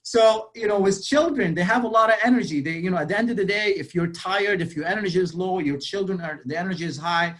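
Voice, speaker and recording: A man's voice: high voice, fast, few pauses. Upbeat man quizzing his audience. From Lebanon. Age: 40s. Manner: energetic, quizzes the audience, frequent "you know". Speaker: real estate sales speaker. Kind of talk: interactive motivational talk.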